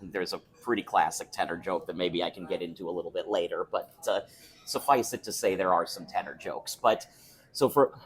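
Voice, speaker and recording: A young opera singer, appearing as a guest, chats thoughtfully in a casual interview at a restaurant. His voice is deep and his pace brisk.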